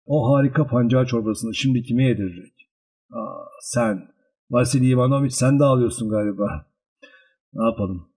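A man's voice: medium pitch, normal speed, a little mellow, slightly rough. A man voicing a dying young man who is proud and sardonic, speaking in a dry, weary, mocking way. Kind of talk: audiobook character reading.

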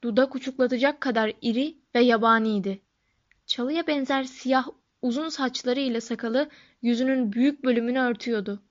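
A woman reading a storybook aloud as its narrator, in a steady, expressive way. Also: fairly high pitch, fairly quick. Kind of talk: audiobook narration. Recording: dull lo-fi recording.

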